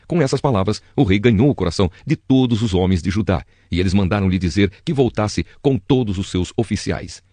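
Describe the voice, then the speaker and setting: Low-voiced man reading Bible. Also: a little fast, hardly any pauses, no echo. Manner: expressive storytelling. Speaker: Bible reader. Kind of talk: scripted Bible narration.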